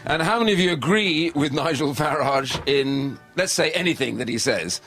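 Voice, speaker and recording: A man hosting a live radio show, brisk and chatty as he greets a line of guests in the studio. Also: a little high, animated, fairly bright tone, faint music behind. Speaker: radio host. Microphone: studio microphone.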